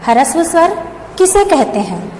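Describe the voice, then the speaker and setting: Lively high-voiced woman teaching in an echoey room. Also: a little slow. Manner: explains step by step, asks and answers her own questions. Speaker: school teacher. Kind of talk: Hindi grammar lesson. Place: classroom or school room. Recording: echoey room with long reverb, faint background hum.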